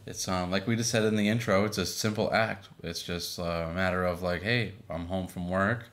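A man from Boston in his thirties, co-hosting a casual podcast with his wife, relaxed and full of fillers. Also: sits low, normal speed. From Boston, Massachusetts. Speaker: podcast co-host. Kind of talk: casual chat.

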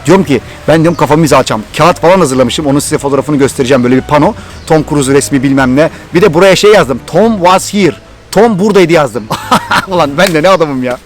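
A middle-aged man from Turkey with a Thracian accent, excitedly telling a personal story to his vlog viewers. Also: on the high side, quick pace, faint music behind. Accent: Thracian Turkish. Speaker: vlogger.

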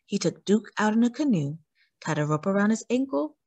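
With drawn-out words and a lively, swooping delivery, a woman hosting storytime reads a children's story aloud, putting emphasis on key words for the young audience. Her husky-edged voice sits at medium pitch. The sound is close and dry, without any room sound.

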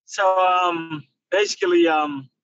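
A Nigerian man in his twenties, a guest fighter, answers interview questions over a video call from a parked car, earnest and reflective with many fillers in casual conversation. His voice sits high and a bit bright, with a clean, steady tone, taking it slowly. The audio comes dry, dull and lo-fi through his phone camera.

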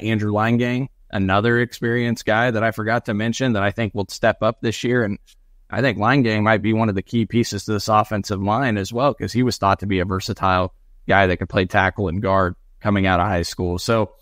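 Man, sports podcast co-host, lowish voice, dry close mic, steady stat run. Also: a little fast, dry recording. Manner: reels off stats in a steady run. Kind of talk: casual sports analysis talk.

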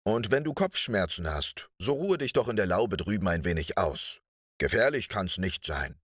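Kindly storybook gentleman, voiced by a man, low, calm, dry sound. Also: normal speed, no echo. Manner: gentle, warmhearted. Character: kindly man letting a boy have his way. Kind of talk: audiobook reading.

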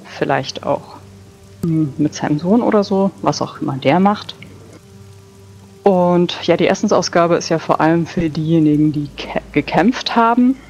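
A woman playing a tabletop role-play game narrates what her character does and works through the rules in a casual way. Her voice is lowish and a little mellow, at a moderate pace. The mic sounds dull and lo-fi, with background music behind her.

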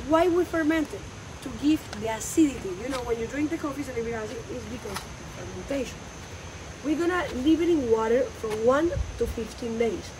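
A high-voiced woman in her thirties with a Colombian Spanish accent leads a coffee farm tour in lively, non-native English. She was recorded outdoors on a phone a few meters away. Steady background noise hisses under her voice. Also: a little fast. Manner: animated, gesturing while explaining, non-native English grammar. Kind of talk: guided tour explanation. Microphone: phone camera a few meters away.

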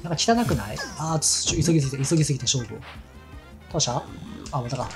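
A man with a Kansai accent rattles on quickly in casual chat while playing a game. His talk is a rambling, chatty stream of stories. Game music plays clearly behind him. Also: on the high side. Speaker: let's play commentator. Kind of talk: casual chat over gameplay.

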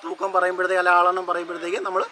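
A man's voice: high-pitched, completely flat delivery, rapid-fire, a loud crowd. A man, a boat maker earnestly explaining his work at length in a casual interview outdoors. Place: outdoor yard among boats. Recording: outdoor ambience noise.

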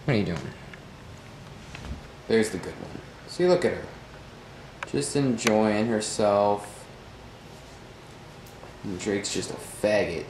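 A man's voice: fairly low pitch, slow, pauses often, a little mellow, a little hiss or hum. A young man vlogging casually outdoors in winter, rambling and joking with a laugh never far off, recorded on a handheld camera. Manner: jokey, rambling, laughs easily. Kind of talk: casual vlog chat. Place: outdoors in snowy winter weather and by a car.

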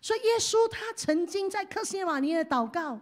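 Woman pastor, high voice, sermon that swings from hushed to loud. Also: animated, moderate pace. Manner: leads the congregation in call-and-response, swings from hushed to loud.

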